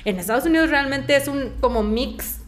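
Talkative Mexican woman, slightly high voice. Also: moderate pace, a little hiss or hum. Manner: talkative, fillers, acts out quoted exchanges. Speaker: guest. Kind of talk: conversational interview.

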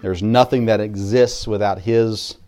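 Earnest preaching pastor, mid-pitched man. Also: fairly even intonation, measured pace. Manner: earnest preaching with frequent restarts, shifting between loud emphasis and quiet asides. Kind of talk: sermon.

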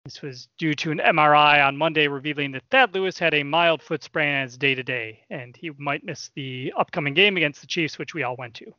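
Bright-voiced man reading sports trivia clues. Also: a little high, fairly quick, few pauses, no room sound, dull audio. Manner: reads quiz clues aloud, teasing. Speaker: podcast host running a trivia quiz. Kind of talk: casual sports chat, reading headlines aloud.

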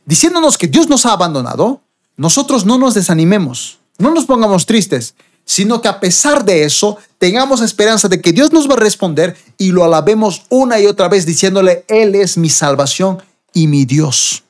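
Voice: mid-range voice, big pitch swings, fairly quick. A preacher from Bolivia, giving a sermon and reading scripture verses with rising emphasis.

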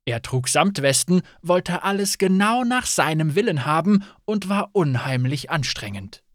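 A man reading a fantasy audiobook as narrator in an expressive, scripted style. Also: on the high side, a little slow, no echo, clean studio sound.

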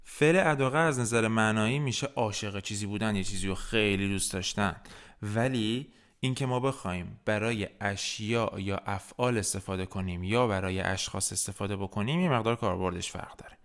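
A man's voice: fairly low pitch, a bit bright. A man teaching French in a podcast lesson, patiently explaining grammar step by step and modeling words for the listener to repeat. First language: Persian.

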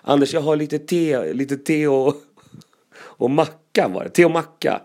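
A man's voice: a little high, expressive, darkish tone, pitched above the performer's own voice, lightly acted. A man voicing a friendly male colleague who politely offers tea, in a slightly raised voice. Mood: coaxing.

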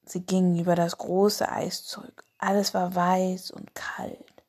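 Woman reading a kids' story, slow and soft, gravelly, husky whispery voice. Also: lowish voice, little pitch movement. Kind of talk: reading a children's story aloud.

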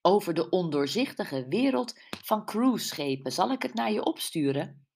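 A woman's voice: mid-range voice, very animated, normal speed, creaky, slight background noise, voice pushed up. A woman voicing a cheerful, doting older mother in an audiobook. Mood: cheery. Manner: bright and cheery.

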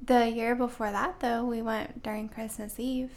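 A woman with a fairly high voice and a lot of vocal fry chats casually as a podcast guest. She talks hesitantly, leaning on frequent fillers while she searches for her words. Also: flat delivery, moderate pace, darkish tone. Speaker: guest, host's wife. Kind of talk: casual chat.

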